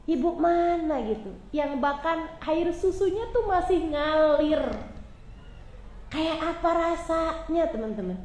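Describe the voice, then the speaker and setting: A woman preacher telling a religious story with emotion, dropping soft and low when she quotes the figures in it. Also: measured pace. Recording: echoey room with faint ambience.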